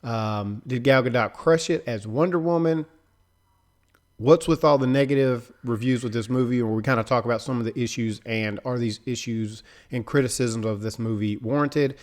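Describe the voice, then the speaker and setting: A man's voice: medium pitch, normal speed. A man hosting a casual podcast, introducing guests in a loose, jokey way with plenty of fillers. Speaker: podcast host.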